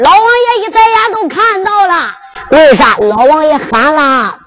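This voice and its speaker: A woman's voice: high-pitched, fairly bright tone, rough recording. A woman with a Henan accent narrating in the emphatic, sung-spoken style of Henan zhuizi storytelling.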